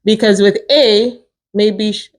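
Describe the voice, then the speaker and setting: A woman's voice: mid-range voice, slow. A woman in a casual discussion, telling stories about raising her children and acting out their voices and her own, laughing often. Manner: animated storyteller, acts out her kids and herself in shifting voices, laughs often. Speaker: parent sharing her approach.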